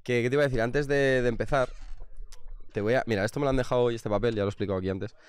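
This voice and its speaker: A man from Spain hosting a casual interview, upbeat and quick, filling with constant "vale". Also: mid-range voice, steady tone, clear, resonant tone, dry recording. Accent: Spain Spanish. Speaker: interviewer host.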